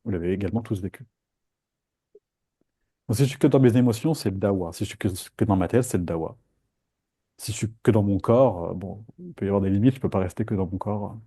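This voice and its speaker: Dark husky-voiced man teaching meditation. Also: on the low side, quick pace, pauses often. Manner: lively, playful, acts out inner voices. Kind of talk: live group meditation talk.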